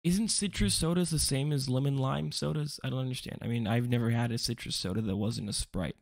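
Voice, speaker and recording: A young man with a gravelly, frayed edge to his voice rambles through a casual video, cutting himself off and tossing in jokey asides. The sound is close and dry, with almost no room around him. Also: medium pitch, fairly quick, a little mellow, dry recording. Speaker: vlogger.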